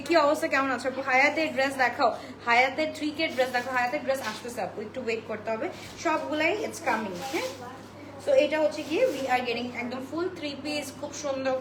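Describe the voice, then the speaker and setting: High, fast-talking woman selling dresses live. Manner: chatty, greets viewers by name, mixes in English phrases. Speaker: online boutique seller hosting a live sale. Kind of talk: live-stream sales pitch. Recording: roomy echo with steady background noise.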